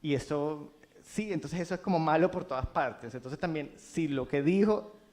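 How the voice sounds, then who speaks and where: A man's voice: fairly high pitch, normal speed, a little mellow. A man moderating an author talk in a university room, telling an anecdote with many fillers. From Colombia. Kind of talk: conversational storytelling.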